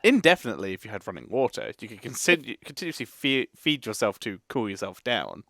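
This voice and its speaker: A man from Essex co-hosts a casual chat, explaining things patiently and laughing a lot. His pitch moves in an animated way, and the recording is dry and close. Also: quick pace, no room sound. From Essex, England. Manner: explains at length, laughs often. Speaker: co-host.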